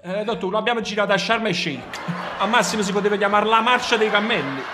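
An actor playing an anxious, broke travel agent in a comedy film scene, protesting over and over. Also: male voice, high voice, fast, over music, close to an everyday voice. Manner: pleading, protesting repeatedly.

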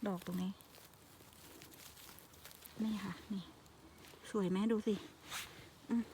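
A woman's voice: mid-range voice, fairly even intonation, slow, creaky, dark tone, a little hiss or hum. A woman chatting casually to her camera while foraging in a forest, full of exclamations. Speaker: vlogger. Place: forest outdoors.

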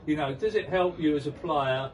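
Speaking at a moderate pace in a slightly high voice, an older club interviewer questions a player after the match at an outdoor football ground. He's chatty and promotional, steering with leading questions. The audio sounds dull, recorded from a distant camera while he holds a handheld mic, with crowd noise all around.

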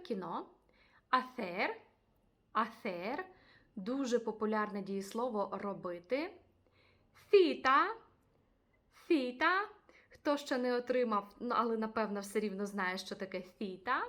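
A woman teaching a language lesson, addressing viewers directly and repeating each word twice, slowly. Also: mid-range voice. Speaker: Spanish teacher.

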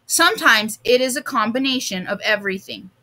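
A woman teacher reading a storybook aloud to a class in a clear, expressive way. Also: fairly high pitch, fairly quick.

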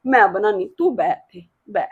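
A woman's voice: mid-range voice, a little fast, breathy edge. A woman playing a worried, pleading mother in an emotional family drama. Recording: dull lo-fi sound.

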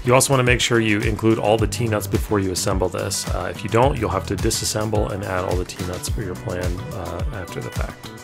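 A man in his thirties walks through a do-it-yourself project in a relaxed, practical way, correcting himself as he goes. His voice sits on the low side. Music plays clearly behind him. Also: a little fast. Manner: casual and practical, with filler "uh" and self-corrections. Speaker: DIY builder. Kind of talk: casual how-to narration. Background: background music.

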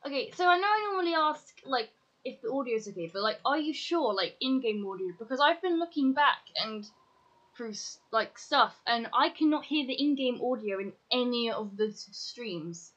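A woman's voice: a little high, lively intonation, normal speed, a bit bright, lo-fi sound. A woman chatting casually on a game live-stream, scattered, talking to herself and swearing casually.

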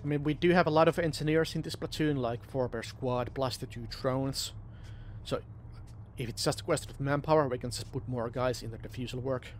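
A man's voice: mid-range voice, fairly even intonation, fairly quick. A man talking tactics as a squad member in a military simulation game, over voice chat. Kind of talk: tactical game chatter, switching between Finnish and English. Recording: game voice chat with background noise.

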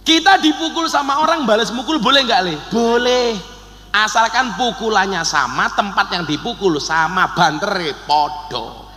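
A man with a Javanese accent preaching a lively, joking sermon, swinging between soft and loud. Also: high voice, moderate pace. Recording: echoey hall.

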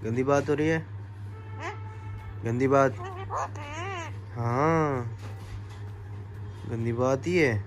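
A man's voice: mid-range voice, extremely slow, pauses often, over music. A young man filming a casual home vlog, chatting to the camera and cooing baby talk to his pet parrots. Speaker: vlogger.

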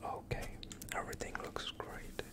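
An unhurried, soothing line of questioning comes from a young man whispering an ASMR doctor roleplay. His whisper is breathy and unvoiced, delivered close to the microphone in a calm way.

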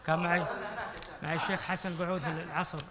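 A Saudi Gulf man speaks at a very rapid clip in a casual, courteous way. He hosts a gathering in a busy room, with people chattering behind him. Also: a little high, level tone, a crowd in the background. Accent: Saudi Gulf Arabic. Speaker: host of a gathering show. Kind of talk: casual greetings and chat. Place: large indoor lounge with people around.

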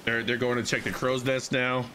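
Through his headset mic, a man in his thirties chats casually while streaming a game, his mid-range voice level in tone, pushed and bright, at a moderate pace with slight background noise. He repeats phrases, swears, coughs constantly and notes he's losing his voice.

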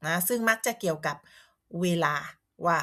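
A woman's voice: fairly low pitch, moderate pace, sharp tone. A woman from Thailand teaching a language lesson, explaining vocabulary patiently and repeating words to model how they sound.

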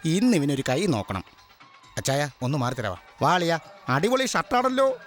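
A man's voice: a little high, very animated, normal speed, faint music behind. A man dubbing a boisterous young friend, pushy and bantering. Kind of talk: dubbed film dialogue.

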